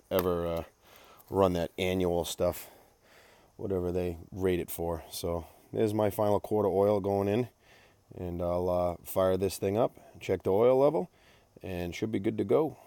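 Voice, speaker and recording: Low, mellow-voiced man rambling through a how-to. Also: no echo. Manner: rambling, folksy, opinionated with many fillers. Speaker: DIY car maintenance vlogger. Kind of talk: casual how-to narration. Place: garage, working on a truck.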